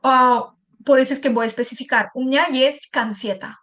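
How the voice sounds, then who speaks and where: A woman's voice: sits high, moderate pace, fairly bright tone. A woman teaching a language lesson, explaining step by step, repeating examples, translating them and checking in with short asides. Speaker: Russian teacher.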